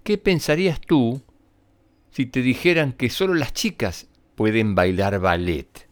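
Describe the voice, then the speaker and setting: A man's voice: medium pitch, expressive, measured pace, dry recording, close to an everyday voice. A man voicing a patient female schoolteacher who questions and explains, in a children's story. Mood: patient, questioning. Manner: questioning, instructive. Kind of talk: storybook character reading.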